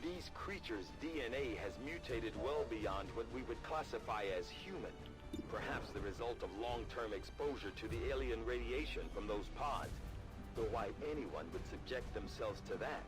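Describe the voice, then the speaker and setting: A man acts out a formal, analytical game scientist with a superior, clinical manner. His voice is mid-pitched, and music plays clearly behind him. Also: normal speed, close to an everyday voice, poor audio. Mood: clinical curiosity. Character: analytical, disdainful male scientist briefing soldiers. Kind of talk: video game voice acting.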